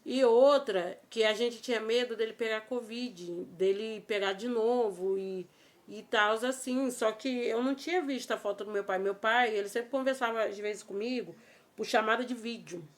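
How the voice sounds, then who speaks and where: Brazilian woman vlogger, higher-pitched voice, emotional and halting, repeats herself. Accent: Brazilian Portuguese. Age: adult with a child. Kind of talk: personal storytelling vlog.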